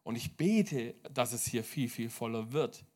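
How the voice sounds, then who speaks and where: A man preaching a lively sermon as pastor to his church, swinging between loud and soft. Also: mid-range voice, unhurried.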